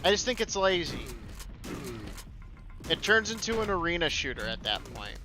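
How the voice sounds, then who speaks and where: A man's voice: sits high, big pitch swings, normal speed, music in the background. A young man streaming a shooter game, complaining and swearing as he plays. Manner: profane, complaining, sardonic. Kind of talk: casual gameplay commentary.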